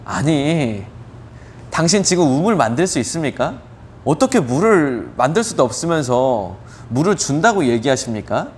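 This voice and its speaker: A man's voice: a little high, big pitch swings, moderate pace, a little hiss or hum. Man voicing a scornful Samaritan woman. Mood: sarcastic. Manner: mocking, incredulous retorts. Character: sharp-tongued Samaritan woman at a well.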